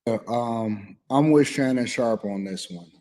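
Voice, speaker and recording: A man giving measured, deliberate commentary. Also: medium pitch, mellow, long reverb tail.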